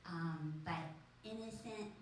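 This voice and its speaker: A woman's voice: lowish voice, slow pace. A young woman from Michigan doing a stand-up set, bubbly and giggly, telling stories with lots of ums. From Michigan, USA. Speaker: stand-up comedian. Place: comedy venue with live audience. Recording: echoey room from far off, noisy.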